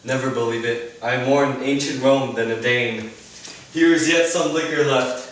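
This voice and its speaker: An actor playing a prince's loyal, grieving friend in a solemn classical Shakespeare style. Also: male voice, medium pitch, fairly even intonation, moderate pace, a bit bright, slight background noise, lightly acted. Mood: defiant. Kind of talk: classical Shakespeare stage acting. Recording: very echoey room.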